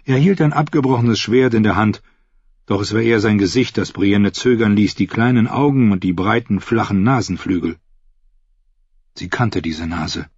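A man narrates a fantasy audiobook in a steady, measured reading. His voice is somewhat husky. The recording is dull and lo-fi, with a dry, close sound. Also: on the low side, no echo.

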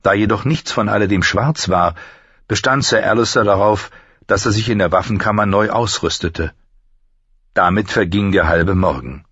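A man narrating an audiobook with a steady, measured reading. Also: lowish voice, husky, dry recording, lo-fi sound. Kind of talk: scripted narration.

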